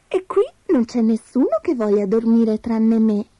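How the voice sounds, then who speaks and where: A woman's voice: expressive, unhurried, no echo, highs cut off. Goldilocks, a woman doing a whiny little girl. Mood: sleepy. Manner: high, plaintive, sobbing toward the end. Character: little girl Goldilocks, tired, then frightened.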